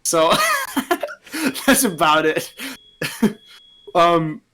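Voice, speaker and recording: A young man co-hosts a casual podcast with a slightly high voice. He rambles and giggles as he talks, and fills his sentences with "like.". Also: very animated, very slow, pushed and bright. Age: young adult. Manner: rambling, giggly, says "like" a lot. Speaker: podcast co-host. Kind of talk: casual chat.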